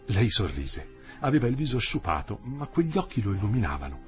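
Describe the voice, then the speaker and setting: A man reading a novel aloud in a measured, expressive storytelling manner. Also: fairly low pitch, soft background music. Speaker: audiobook narrator. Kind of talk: literary audiobook reading.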